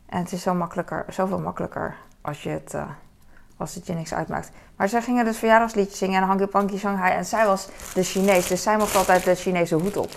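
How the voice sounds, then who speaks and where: A woman's voice: on the low side, creaky, a little hiss or hum. A woman in her forties with a Hong Kong Cantonese accent, chatting casually and rambling while doing household chores. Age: 40s. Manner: rambling, lots of fillers. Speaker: mother.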